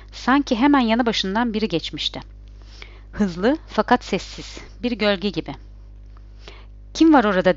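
A woman narrating a suspense story in a slow, measured reading voice. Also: mid-range voice, no echo, dull audio.

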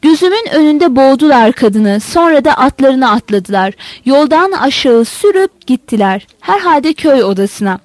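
A stammering peasant woman telling of horror through sobs, read by a woman. Her voice sits high, close and dry, with no room around it. She sounds shaken and breathless with fear. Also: expressive, normal speed, hardly any pauses, darkish tone, no echo. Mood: frightened. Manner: stammering, sobbing account.

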